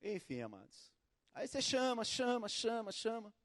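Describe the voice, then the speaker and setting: High-voiced Brazilian preacher. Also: male voice, moderate pace. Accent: Brazilian Portuguese. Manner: animated storytelling with acted quotes and shouts. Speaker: pastor. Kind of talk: sermon.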